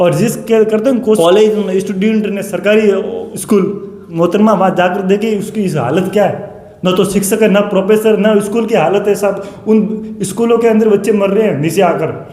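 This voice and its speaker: The speaker is a man who teaches at a coaching center, launching into a heated rebuttal full of repetition and sarcastic direct address. His voice is high yet dark, and long reverb from an echoey room surrounds it.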